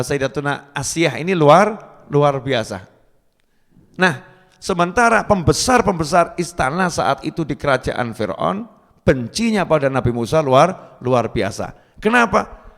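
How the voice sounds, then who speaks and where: A man's voice: mid-range voice, fairly bright tone. A man with an Indonesian accent giving a storytelling sermon, acting out quoted speech and reciting Arabic verses. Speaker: preacher. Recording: long hall reverb.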